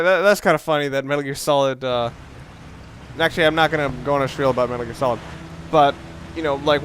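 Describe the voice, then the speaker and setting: The commentator's voice is on the high side and a bit bright, with slight background noise in the clip. He gives wry, rambling let's play commentary over a video game, repeatedly interrupting himself and restarting.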